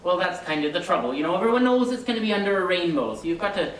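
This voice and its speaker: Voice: mid-range voice, expressive, very fast, natural voice. A performer playing a boastful, mischievous little male leprechaun, who answers questions with sly wordplay in a comedy sketch. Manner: cheeky, sly, rambling, fond of wordplay. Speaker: interview guest. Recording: echoey room, distant mic, faint noise.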